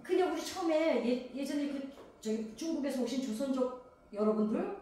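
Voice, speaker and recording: A woman from Gangwon Province, South Korea, preaches a sermon conversationally, firing rhetorical questions at the congregation. Her voice is high, animated, and mellow at a moderate pace. She sounds distant in a very echoey hall.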